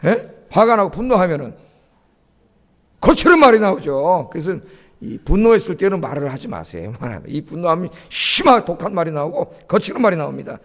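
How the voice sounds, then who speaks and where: A man's voice: sits high, sing-song, brisk, fairly bright tone. A man preaching a Sunday sermon as pastor. He often puts questions to the congregation, answers them himself, and adds a questioning "예?". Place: church sanctuary.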